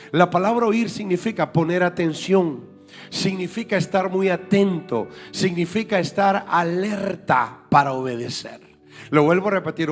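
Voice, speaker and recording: Male preacher, high voice, emphatic sermon delivery, church setting with soft music underneath. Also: in a large hall. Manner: emphatic, repeats key points for the congregation. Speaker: apostle and preacher. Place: church sanctuary.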